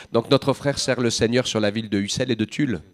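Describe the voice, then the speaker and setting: A man's voice: medium pitch, normal speed. A man, a pastor, introducing a guest preacher in a plain, welcoming way.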